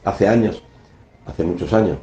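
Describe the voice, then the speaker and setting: A man's voice: low-pitched, measured pace, mellow, slight background noise. A man, preaching an earnest, emphatic radio sermon and acting out scripture quotes. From Spain. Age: 70s. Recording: echoey, dull lo-fi radio broadcast.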